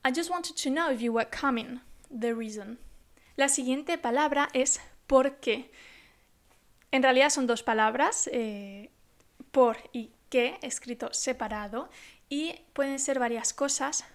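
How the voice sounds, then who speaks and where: A high-pitched woman teaches a language lesson. She speaks slowly and carefully, spelling out examples and dictating a text for learners. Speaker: Spanish teacher.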